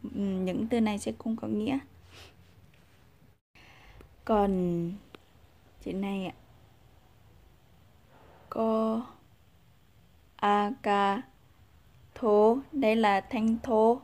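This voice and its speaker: A woman whose first language is Vietnamese teaches a casual language lesson at a slow, unhurried pace. She talks patiently, with a voice neither high nor low, repeating example sounds and pausing with soft fillers.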